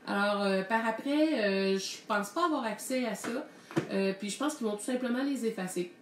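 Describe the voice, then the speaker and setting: A woman with a Québécois French accent gives a live painting lesson in a fairly high voice. She talks her way through each color mix in a chatty, explanatory manner. The room around her sounds roomy and echoey. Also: normal speed, slight background noise. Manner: thinks aloud while mixing paint, chatty and explanatory. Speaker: painting teacher.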